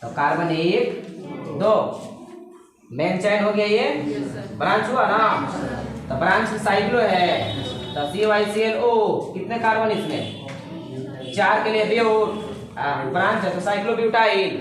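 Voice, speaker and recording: A woman tutoring chemistry in a classroom lecture. She spells terms out letter by letter and keeps quizzing her students with quick check questions. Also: medium pitch, expressive, music in the background. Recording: very echoey classroom with students audible.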